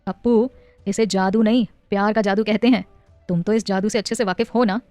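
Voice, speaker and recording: A woman voicing a playful, doting young husband and father in an audio story, speaking gently and coaxingly. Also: medium pitch, steady tone, fairly quick, no echo, faint music behind, natural voice. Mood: loving.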